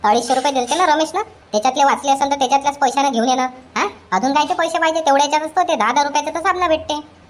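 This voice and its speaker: Ranting fast, a high-voiced woman plays a scolding, nagging elderly mother-in-law for a cartoon comedy, her performance only lightly acted.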